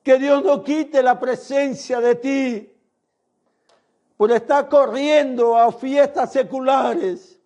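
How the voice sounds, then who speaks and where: A male pastor preaching a sermon in a slow, emphatic manner that sometimes rises to a shout. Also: very high-pitched, fairly even intonation. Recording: dull lo-fi recording.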